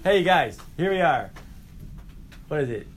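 A man teaching a high school class, lively and directing students to act out a scene. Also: normal speed, slight background noise, poor audio.

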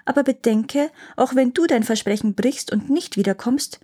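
A woman's voice: on the high side, normal speed, mellow, slightly rough, pitched above the performer's own voice. A woman doing sly, sweet fairy-tale elves. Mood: coaxing. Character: three sly, pretty female elves.

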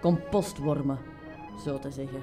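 A woman's voice: rumbling low, steady tone, unhurried. A woman with a Flemish accent playing a chatty, easygoing worm who runs a hotel, in a children's drama. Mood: matter-of-fact, chatty. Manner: folksy, chatty, explanatory. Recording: music under the voice.

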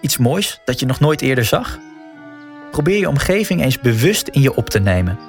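Male, mid-pitched, expressive. Informal, encouraging instructional narrator for a wellness audio guide, faint music underneath. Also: moderate pace. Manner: informal, encouraging, addresses the listener directly. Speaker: guided walk and breathing coach.

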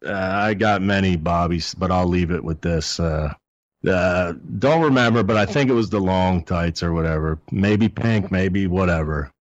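A man's voice: sits low, normal speed, muffled recording. A man in his fifties, a podcast guest, rambling through a profane story in casual talk.

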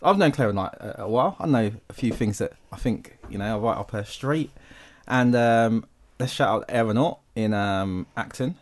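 A man's voice: medium pitch, expressive, normal speed, few pauses. A man hosting a podcast in casual chat, rambling and stumbling over his words. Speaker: podcast host.

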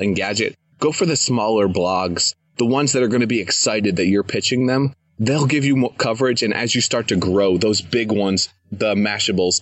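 A man's voice: on the low side, dry recording, muffled recording. A young adult man hosting a podcast interview, enthusiastic and eager to give advice. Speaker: podcast host. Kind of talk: casual interview. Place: living in Thailand, jungle sounds around.

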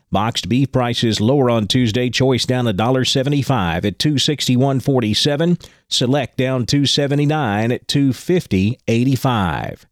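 A man's voice: mid-range voice, no room sound, clean studio sound. A man reading a scripted agricultural market report as a radio news anchor. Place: dry studio.

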